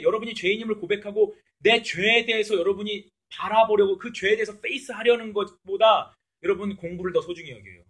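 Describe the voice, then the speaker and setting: A woman's voice: medium pitch, husky. A woman preacher giving an impassioned church sermon, exhorting her congregation directly and dropping English words into her speech. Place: church service.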